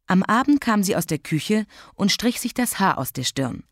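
A woman reading a children's story aloud in a clear, expressive way. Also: mid-range voice, moderate pace, dry recording, clean studio sound. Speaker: narrator.

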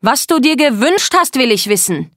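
A woman voicing a controlling young man in an audiobook, speaking slowly and menacingly, breaking into shouts. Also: sits low, flat delivery, no echo, studio quality. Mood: demanding. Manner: slow, menacing, bursts into shouting. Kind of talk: audiobook dialogue.

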